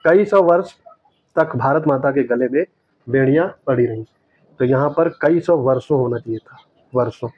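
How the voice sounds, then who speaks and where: A man works through exam questions one by one as a teacher, correcting each answer and repeating the right word slowly. His voice sits at an everyday middle pitch. The recording is dry and a little dull and lo-fi. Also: no echo. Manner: explains step by step, repeats corrected words slowly.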